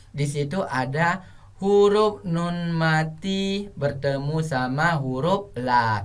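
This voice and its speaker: Slow, patient male religious teacher. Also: a little high. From Indonesia. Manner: slow, patient, demonstrates Quranic recitation examples. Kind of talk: recorded tajwid lesson for pupils.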